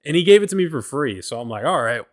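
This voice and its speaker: A man hosts a solo podcast, recounting a travel story in a rambling, profane style loaded with "like" and "bro," frequently stumbling and starting over. His voice is on the high side, and he talks fast and very animatedly.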